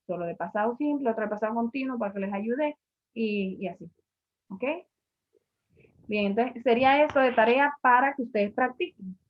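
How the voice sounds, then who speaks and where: A woman teaching an English grammar class, patiently explaining and repeating each point in a classroom. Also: a little high. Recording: muffled lo-fi recording.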